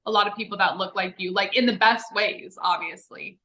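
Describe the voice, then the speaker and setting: A woman's voice: medium pitch, steady tone, brisk, bright, forceful tone. A young woman in a casual Q&A chat with a friend, speaking informally with slang and lots of "like". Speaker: vlog co-host.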